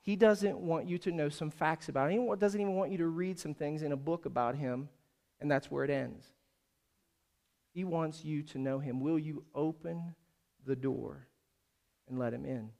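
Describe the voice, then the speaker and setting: A man with a notably high voice preaches a sermon, telling a story and then climbing into loud, pleading calls. He swings between quiet, conversational stretches and near-shouted appeals. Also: normal speed, creaky. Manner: storytelling preacher who builds to loud, high-pitched exhortation. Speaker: pastor. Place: church service.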